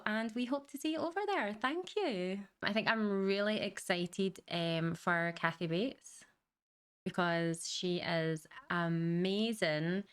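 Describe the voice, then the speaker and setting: Female host, gentle Glaswegian Scottish accent, crisp and clean tone, careful diction, informal chat. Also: fairly low pitch. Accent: Glaswegian Scottish, softened. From Glasgow, Scotland. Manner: deliberately slowed, clearer speech. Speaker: host of film reaction channel. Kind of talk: casual chat to viewers.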